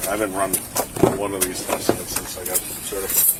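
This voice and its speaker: A man's voice: sits low, completely flat delivery, normal speed. A male police officer chatting about work in an informal, matter-of-fact way. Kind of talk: casual work chat. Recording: very noisy police bodycam audio.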